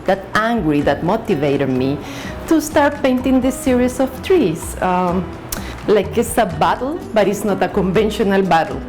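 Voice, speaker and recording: A woman's voice: mid-range voice, rough recording. A woman from El Salvador with a Salvadoran Spanish accent, an artist explaining her paintings in her studio, hesitant with frequent fillers and restarts.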